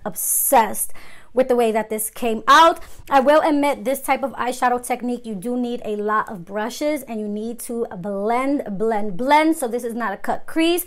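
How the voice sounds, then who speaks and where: A woman beauty vlogger talking casually to her viewers, gushing and excited, with lots of fillers and constant asides of "you guys.". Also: a little high. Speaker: beauty channel host. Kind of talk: casual on-camera intro and outro of a beauty vlog.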